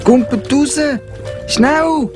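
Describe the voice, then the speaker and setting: A man voicing a young male polar bear cub in a cartoon, sulky and carefree, with a relaxed drawl. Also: extremely high pitch, extremely slow, pitched above the performer's own voice, heavily acted. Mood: urgent. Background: cartoon music.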